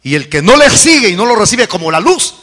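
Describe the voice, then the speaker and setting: Fervent high-voiced preacher. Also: male voice, very animated, fairly quick, in a large hall. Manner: fervent, swings to shouted peaks, repeats calls to convert. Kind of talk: evangelical sermon.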